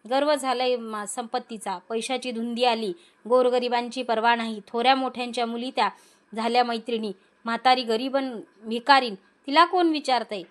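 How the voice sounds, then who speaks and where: A woman's voice: fairly high pitch, steady tone, normal speed, lightly acted. A woman voicing an old beggar woman who is a goddess in disguise, coughing between words as she scolds. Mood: indignant.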